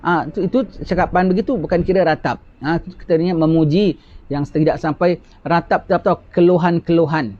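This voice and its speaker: A man's voice: a little high, steady tone, fairly quick. A man giving a religious lecture who explains patiently, repeats key phrases and asks rhetorical questions. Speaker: religious teacher. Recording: dull lo-fi recording.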